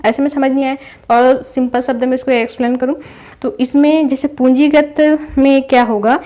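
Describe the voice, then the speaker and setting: A woman's voice: high voice, fairly even intonation, normal speed, dark tone. A young woman from India with a Chhattisgarh Hindi accent teaches an exam-prep lesson, explaining patiently through everyday examples and frequent check-ins.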